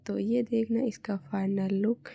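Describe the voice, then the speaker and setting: Hoarse gravelly woman walking thru a sewing lesson, dark sound, keeps saying theek hai, slips into whispers. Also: medium pitch, little pitch movement, unhurried. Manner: repeats "is tarah se" and "theek hai" constantly; drops to a whisper at times. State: hoarse, sore throat. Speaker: sewing tutor. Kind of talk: step-by-step sewing tutorial.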